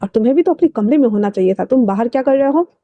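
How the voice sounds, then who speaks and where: A woman's voice: on the high side, expressive, racing, no echo, narrow, tinny audio. A woman voicing a scolding older uncle who grumbles about young people.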